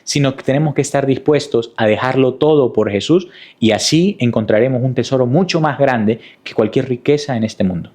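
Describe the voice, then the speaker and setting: A man's voice: mid-range voice, a little fast, few pauses, a little mellow. A man preaching a sermon in a teaching manner, asking rhetorical questions and repeating key points. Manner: didactic, with rhetorical questions and repetition.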